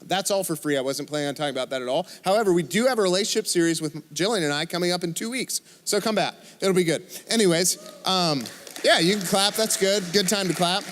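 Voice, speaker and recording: High-voiced energetic youth pastor preaching. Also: male voice, fast talker. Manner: energetic, joking asides to the crowd. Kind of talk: youth sermon. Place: church service.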